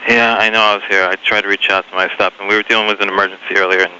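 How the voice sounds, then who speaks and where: An air traffic ground controller, a man giving clipped, hurried and apologetic instructions to pilots, heard over aviation radio with static bursts. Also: fairly low pitch, flat delivery, bright, forceful tone, smooth. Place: airport control tower. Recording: muffled radio transmission with faint hiss.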